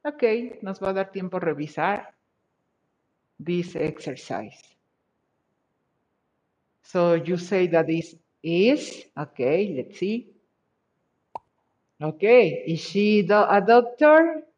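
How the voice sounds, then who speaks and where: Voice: medium pitch, lively intonation, darkish tone. An English teacher going over exercise answers with a class, praising each answer and switching between English and Spanish. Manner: encouraging, checks answers with short praise; slow, deliberate delivery. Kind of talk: live class exercise review. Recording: dull lo-fi audio.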